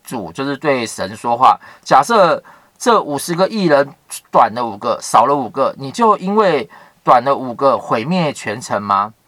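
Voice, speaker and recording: A man's voice: medium pitch, very animated, normal speed, fairly bright tone, no room sound. A man voicing an eager, generous old male patriarch who earnestly pleads, read from a Bible story. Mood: pleading.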